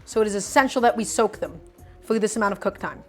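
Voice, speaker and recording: Faint music plays behind a young woman who talks fast in a mid-range voice while hosting a live cooking stream. She's chatty and upbeat, addressing her audience as "guys" and getting them excited.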